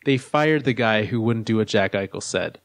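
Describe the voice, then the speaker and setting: A man's voice: on the low side, lively intonation, moderate pace, dry recording, clean studio sound. A man co-hosting a casual sports podcast, laying out his arguments step by step. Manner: analytical, lays out arguments step by step. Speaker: podcast co-host.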